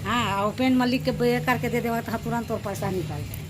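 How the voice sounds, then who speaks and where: Older Chhattisgarhi woman, rambling high-set reminiscence. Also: fairly quick, noisy background. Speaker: family elder in a home vlog. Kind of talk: rambling reminiscence in casual chat.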